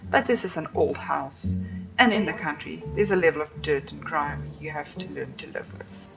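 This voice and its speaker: A haughty game character, acted out by a woman, the prickly lady of an old estate. She speaks in a formal, condescending, clipped way at a lowish pitch, over clear background music. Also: normal speed, dull audio. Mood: irritated.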